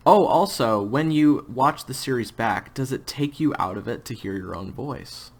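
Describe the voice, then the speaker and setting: A man's voice: mid-range voice, expressive, moderate pace. A man hosting a casual interview chat, speaking in a frank, blunt and emphatic way. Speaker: writer, voice actor and host of the series.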